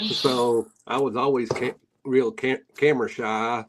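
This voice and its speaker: A man's voice: medium pitch, steady tone, takes it slowly, noisy background. A middle-aged man with an Appalachian hillbilly accent telling stories casually in an interview, folksy and rambling with rural grammar. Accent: Appalachian, hillbilly drawl. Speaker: guest, paranormal investigator.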